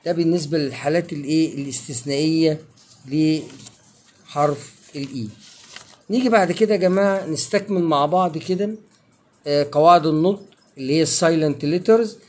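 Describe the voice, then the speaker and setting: Egyptian man teaching, prompting questions. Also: on the high side. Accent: Egyptian Arabic. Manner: quizzes listeners with prompting questions and praise. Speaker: English teacher. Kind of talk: online pronunciation lesson.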